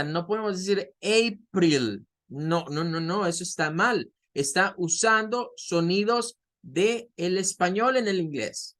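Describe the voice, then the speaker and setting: A man teaching an introductory English class, who explains patiently and models sounds slowly. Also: sits high, fairly bright tone. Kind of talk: online class lecture.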